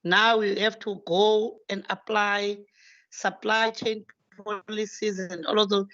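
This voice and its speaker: A woman councillor speaking in a meeting over a clipped phone line that keeps breaking up, her words halting and cut off. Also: medium pitch, level tone, fairly bright tone. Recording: choppy lo-fi phone connection.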